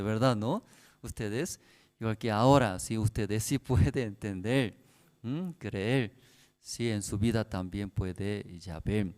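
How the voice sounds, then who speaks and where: A male pastor with a low voice delivers a sermon at a prayer service, speaking slowly and softly to the congregation. His Spanish is simple and broken, full of tag questions.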